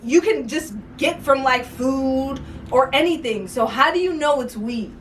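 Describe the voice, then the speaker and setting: A woman's voice: high-pitched, measured pace, distant mic, slight background noise. A woman co-hosting a podcast in casual chat, frank and giggly, often laughing between remarks. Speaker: podcast co-host.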